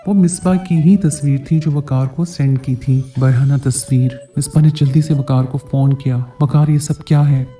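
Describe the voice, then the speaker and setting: A man narrating a dramatic story in a steady, measured way. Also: mid-range voice. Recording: distant mic, faint background music.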